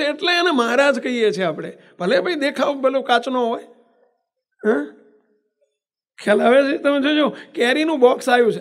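Monk preaching, really high voice, keeps quizzing the crowd with homely examples. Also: male voice. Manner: asks the listeners questions, uses everyday examples. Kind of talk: devotional discourse.

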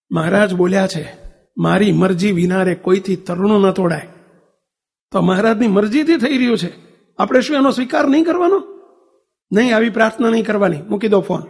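High gravelly man preaching a story. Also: in a large hall. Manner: acts out family dialogue, asks audience questions. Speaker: religious speaker. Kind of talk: sermon with storytelling.

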